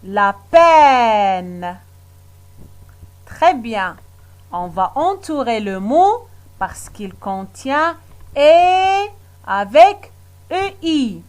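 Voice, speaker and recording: A woman leads a children's reading lesson, with a high voice that rises and falls a great deal. She speaks very slowly and patiently, asking questions and praising the class again and again. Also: very animated, darkish tone. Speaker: teacher.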